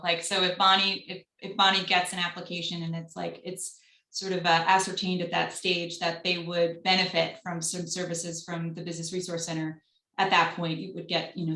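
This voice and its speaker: A woman's voice: lowish voice, little pitch movement, moderate pace, pushed and bright, roomy sound. A woman with a Long Island accent answering questions in an online panel, hesitant with many fillers. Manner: hesitant, many ums and sort-ofs. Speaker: panelist from a lending organization.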